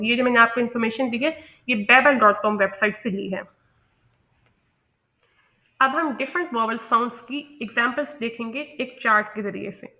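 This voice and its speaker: Bright-voiced woman teaching pronunciation. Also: a little high. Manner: explains step by step, with frequent "okay" check-ins; slow, deliberate English terms. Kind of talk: explaining a lesson over slides.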